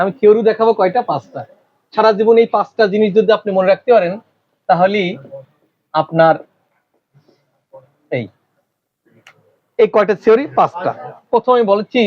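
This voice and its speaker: A male teacher giving a classroom lecture, constantly quizzing his students with quick questions. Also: sits high, highs cut off.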